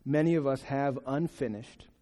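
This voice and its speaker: A man delivers a sermon in a mellow, darker voice at an ordinary pitch. He speaks conversationally and haltingly, often restarting his phrases. His voice carries a long reverb from a large hall. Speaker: pastor.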